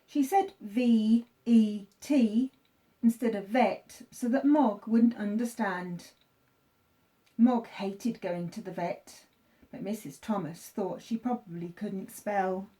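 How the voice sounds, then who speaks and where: A woman teacher reads a children's story aloud at a medium pitch, phrasing it expressively and deliberately for young listeners.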